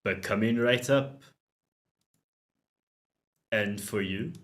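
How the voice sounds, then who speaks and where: Man doing a game barista, male, pun-loving, South African accent, mock-informative, slow delivery. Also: lowish voice, a bit bright. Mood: serving.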